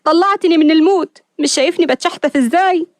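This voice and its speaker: A woman voicing a spirited, sharp-tongued young woman who talks back fast and emotionally. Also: extremely high pitch, no echo, voice pushed up. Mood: indignant. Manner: quick, emotional, teasing retorts.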